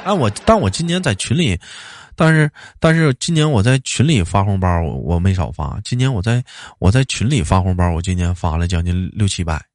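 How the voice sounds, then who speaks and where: A man's voice: low voice, lively intonation, brisk, no room sound. A man with a Northeastern Chinese accent hosting a talk show in a colloquial, comic ranting style full of rhetorical questions. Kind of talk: casual comic rant and banter.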